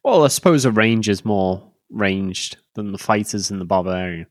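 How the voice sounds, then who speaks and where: A man's voice: lowish voice, moderate pace, dry recording. A young man co-hosting a casual gaming podcast, easygoing and asking dry questions. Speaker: podcast co-host.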